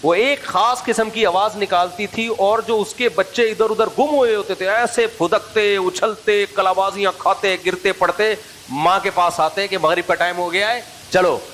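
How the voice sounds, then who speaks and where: Lively, joking male preacher. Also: high-pitched, slight background noise, rough recording. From Pakistan. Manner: humorous, anecdotal, throws questions at listeners. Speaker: Islamic preacher. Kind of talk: informal religious talk to an audience.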